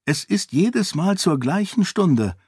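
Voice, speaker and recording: A man's voice: high-pitched, sing-song, slow, a little mellow, slightly rough, no echo, clean studio sound, pitched above the performer's own voice, exaggerated voice. A man voicing a curious, spirited young noblewoman in an audiobook, talking eagerly and teasingly.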